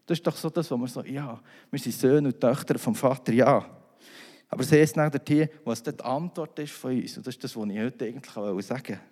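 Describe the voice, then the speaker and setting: A man's voice: mid-range voice, brisk, dark tone. A man preaching a sermon in a loose, conversational way full of asides and restarts. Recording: long reverb of a hall.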